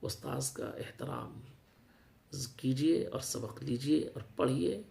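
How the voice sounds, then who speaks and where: A man preaching a sermon, moving from quiet earnest words to loud impassioned rises. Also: medium pitch, vocal fry.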